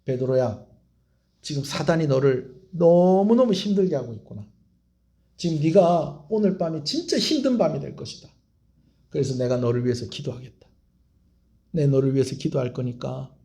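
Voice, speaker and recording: A pastor voicing tender, soft-spoken Jesus. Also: male voice, fairly high pitch, gravelly, pitched below the performer's own voice. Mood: gentle, tender. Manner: tender, intimate, speaking softly to one person. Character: Jesus, a gentle grown man comforting his disciple. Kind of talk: sermon with acted retelling.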